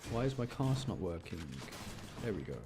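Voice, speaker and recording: A man with a lowish, sing-song voice streams a game at a moderate pace, chatting casually, explaining mechanics and muttering to himself. The recording is clear with background noise, and video game sounds play behind him.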